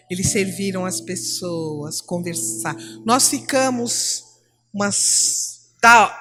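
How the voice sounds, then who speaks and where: A middle-aged Brazilian woman teaching at church, telling classroom stories and acting out the dialogue in a lively way. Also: mid-range voice. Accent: Brazilian Portuguese. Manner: animated storytelling, acting out dialogue.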